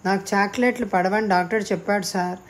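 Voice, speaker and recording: A woman voicing a polite, meek young woman who answers calmly and respectfully in an audiobook. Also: mid-range voice, quick pace, close to an everyday voice. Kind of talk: audiobook character reading.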